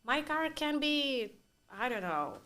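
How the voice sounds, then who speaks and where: This designer's voice is high-pitched and sing-song with a sharp tone. A native Russian speaker and guest in a casual interview, she searches for words in pauses and uses non-native phrasing.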